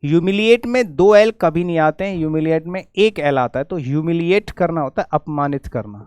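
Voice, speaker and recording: A middle-aged Indian English teacher leads a spelling lesson, spelling words out and repeating them over and over. His voice sits a little high and sounds smooth and clear. The recording is dry and close, with no room sound. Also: a little fast, a little mellow, dry recording. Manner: explains patiently, spells words out letter by letter; repeats words many times, slips and corrects himself. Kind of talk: spelling lesson for exam students.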